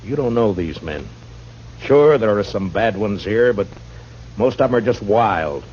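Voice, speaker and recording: A man playing a steady, dry-spoken frontier marshal in an old radio drama. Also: fairly low pitch, unhurried, slight background noise. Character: calm, tough frontier lawman, grown man. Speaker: lead actor as U.S. marshal. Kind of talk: 1950s radio drama acting. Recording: muffled old radio broadcast.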